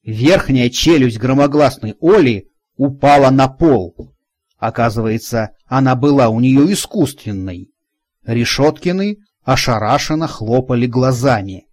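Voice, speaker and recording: A man narrating a first-person detective story in a calm, deliberate, ironic manner. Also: medium pitch. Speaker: audiobook narrator.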